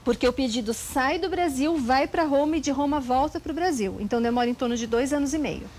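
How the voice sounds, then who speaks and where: A Brazilian woman lawyer calmly explaining legal procedures step by step as an interview guest. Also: high voice, brisk, a little hiss or hum, rough recording. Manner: calm, methodical, precise explanations.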